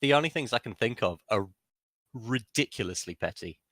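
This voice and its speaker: A man's voice: medium pitch, expressive, moderate pace, fairly bright tone, no echo, clean studio sound. A man with a London accent co-hosting a fan podcast in casual, teasing chat, laughing often. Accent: London English. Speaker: podcast co-host.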